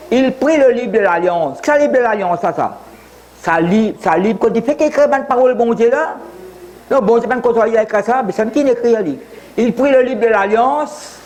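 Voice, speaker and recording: A Mauritian pastor in his seventies preaches a sermon full of repetitions and asides, briefly slipping into English. His voice is high and darkish, with a little hiss or hum in the background.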